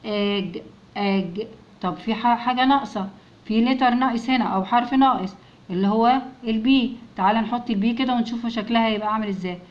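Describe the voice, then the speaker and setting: A woman's voice: fairly high pitch, dull audio. Patient Egyptian woman teaching young children. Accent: Egyptian Arabic. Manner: patient, repeats words slowly for children to echo. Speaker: English teacher. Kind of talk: children's lesson.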